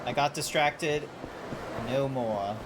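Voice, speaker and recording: A video game streamer giving casual, halting live commentary and reading game text aloud, often flustered and exclamatory. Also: mid-range voice, very noisy.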